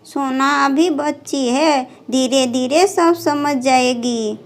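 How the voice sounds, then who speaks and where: A calm, indulgent old grandmother speaks slowly and gently, as a woman puts her on, and soothes the family in a doll storybook. The voice sits fairly high, with an unhurried pace. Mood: gentle.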